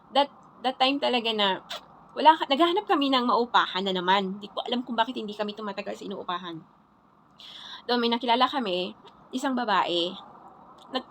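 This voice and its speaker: A woman telling her personal faith testimony in a halting, repetitive way, often restarting her sentences. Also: on the high side, a bit bright, slight background noise, poor audio. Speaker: churchgoer sharing her testimony.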